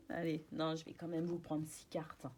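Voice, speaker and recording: A woman's voice: low voice, a little hiss or hum. A French-speaking woman doing a casual tarot card reading for her viewers, chatty and reassuring, with many hesitations and restarts. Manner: soft, reassuring.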